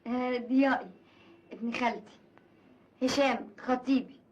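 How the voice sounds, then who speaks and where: Young Egyptian woman played by an actress, high, hesitant, noisy soundtrack. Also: fairly even intonation, normal speed, muffled recording, close to an everyday voice. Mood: flustered. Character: young engaged woman, polite and flustered. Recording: noisy old film sound.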